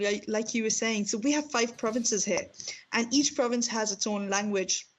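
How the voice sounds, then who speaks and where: Woman with a strong Pakistani accent. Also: medium pitch. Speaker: speech-language pathologist and university lecturer. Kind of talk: informal professional talk about own work.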